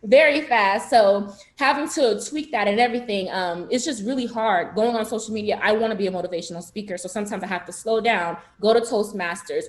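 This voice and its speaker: A young woman in her 20s from the southern United States, whose first language is Haitian Creole, gives panel discussion remarks over a video call. She talks fast and earnestly with many restarts, her mid-range voice sounding roomy.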